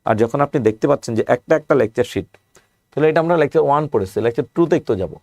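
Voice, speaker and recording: A man with a Bangladeshi Bengali accent gives an exam-prep lecture at a brisk clip. He runs through past questions and poses rhetorical questions along the way. The recording is dry and close, with little room sound. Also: medium pitch, animated, a little mellow, dry recording. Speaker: teacher.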